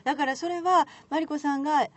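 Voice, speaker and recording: A woman's voice: high-pitched, steady tone, fast talker, dry recording. A woman hosting a radio talk show, responsive and full of agreement. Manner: responsive, frequent back-channel agreement. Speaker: radio host.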